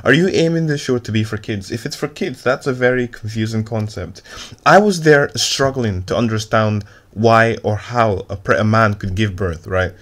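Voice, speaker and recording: A man's voice: fairly low pitch, moderate pace, few pauses, fairly bright tone. A man giving an opinionated, emphatic response commentary, often stumbling and repeating words. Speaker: YouTube commentator.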